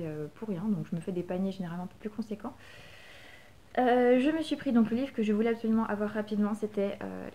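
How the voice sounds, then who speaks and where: A woman's voice: mid-range voice, mellow. A young French woman and new mother talking casually about books she bought, with many fillers and restarts. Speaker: book vlogger. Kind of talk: casual book haul chat.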